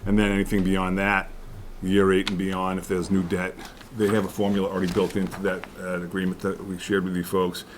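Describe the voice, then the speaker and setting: A man explaining school costs at a town board meeting, halting and restarting as he goes. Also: low voice, monotone, slight background noise. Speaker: school official presenting to select board. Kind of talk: public meeting presentation.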